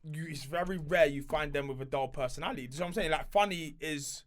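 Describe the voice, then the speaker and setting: A man's voice: on the high side, quick pace. A man with a London roadman accent, a guest chatting and bantering casually in street slang. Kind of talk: casual chat show banter.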